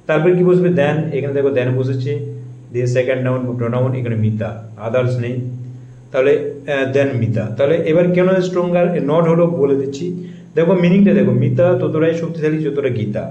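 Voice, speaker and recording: A man explains a grammar lesson in a warm, mellow voice. He asks questions and answers them himself, and he reads example sentences slowly and carefully. The sound is echoey, as from a bare room. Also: mid-range voice, highs cut off, a little hiss or hum. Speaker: English grammar teacher.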